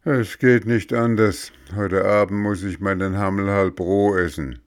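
A man voicing a gruff, bearded puppet-theatre director who speaks curtly in a storybook reading. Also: on the low side, steady tone, measured pace, no room sound, studio quality. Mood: softened. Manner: gruff, curt, then gentler.

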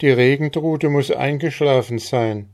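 A man putting on a gentle old widow. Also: mid-range voice, unhurried, voice pushed up, lightly acted. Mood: mild. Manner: mild, secretive, soft-spoken.

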